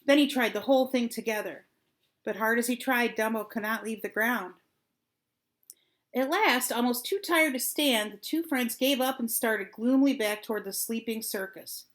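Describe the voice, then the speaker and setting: An older woman, a grandmother, reading a children's storybook aloud with deliberate, dramatic phrasing and drawn-out words. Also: on the high side.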